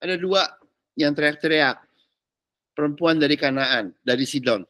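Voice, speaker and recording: A man preaching, teasing and animated in slangy street talk, mimicking people as he goes. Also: on the high side, normal speed, dry recording, clean studio sound. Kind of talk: sermon.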